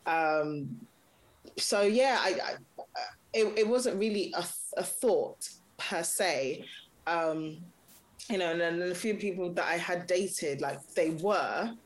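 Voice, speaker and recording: Slow-paced and fairly low-pitched, this woman is a consultant and content creator in her thirties who was raised in Britain and comes from Nigeria, of Yoruba background. The recording is rough, and in this casual personal interview she's chatty, laughing frequently and often starting over.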